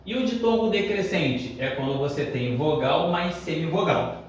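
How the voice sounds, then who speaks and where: A man teaching a grammar lesson, lively, asking the class questions and answering them. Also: a little high, normal speed. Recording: echoey room, a bit far from the mic, faint noise.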